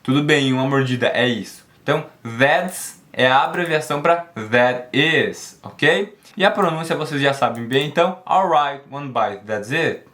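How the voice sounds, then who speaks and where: Man, English teacher, online lesson, slightly high-pitched, explanatory, frequent "ok?" check-ins, slow pronunciation demos. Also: fairly bright tone, a little hiss or hum.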